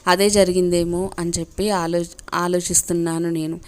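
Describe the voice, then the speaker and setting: A woman's voice: fairly low pitch, little pitch movement, normal speed, smooth, natural voice. A woman voicing a worried young wife asking questions.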